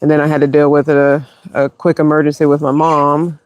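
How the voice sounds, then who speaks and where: A man quietly talking through a live stream from his backyard, speaking softly and haltingly on purpose. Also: a little high, monotone, smooth, no room sound. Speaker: livestream host. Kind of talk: hushed live-stream chat. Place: backyard, outdoors. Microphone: phone mic.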